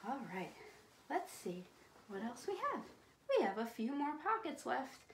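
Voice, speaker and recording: A woman librarian leading a children's rhyme time, speaking slowly and playfully in a sing-song voice. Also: a little high, slight background noise. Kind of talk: children's storytime with rhymes and songs. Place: library room. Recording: roomy echo.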